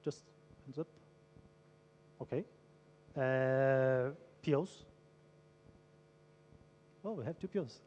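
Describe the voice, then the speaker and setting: Speaking slowly and pausing often, this Brazilian conference speaker has a medium-pitched, darkish voice captured with lo-fi sound. He engages a large hall's audience by polling them and telling a story, with long reverb trailing his words.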